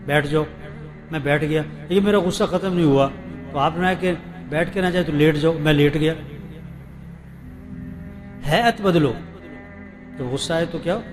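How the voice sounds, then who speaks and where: Guy preaching in urdu w a pakistani accent, keeps asking the crowd questions, slightly high voice, music behind. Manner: rhetorical questions, call-and-response repetition. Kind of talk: sermon to a seated gathering.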